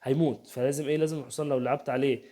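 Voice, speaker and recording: A man's voice: medium pitch, steady tone, mellow. A young man with an Egyptian Arabic accent analyzing a chess game in a casual, chatty way, often checking in with the listener. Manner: rapid, chatty, keeps asking "تمام؟", voices players' banter. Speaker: chess youtuber. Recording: home setup, first video.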